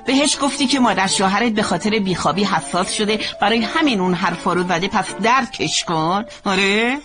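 Brief: actress as a stern older mother-in-law, pitch swinging widely, music under the scene. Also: lively intonation, close to an everyday voice. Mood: indignant. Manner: quick to scold, proud. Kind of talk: Persian dub of a TV drama.

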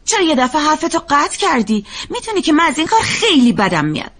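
A woman's voice: sits high, very animated, a bit bright. An actress dubbing a stern, opinionated older mother-in-law who speaks sharply and scolds. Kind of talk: dubbed TV drama acting.

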